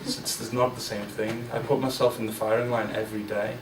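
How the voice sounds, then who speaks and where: A guest speaker in his forties talks fairly quickly to a business-event audience in a large event room, his lowish voice level in tone. The speech is candid and informal, cluttered with fillers and restarts, and a distant, roomy mic picks up faint ambience against a noisy background.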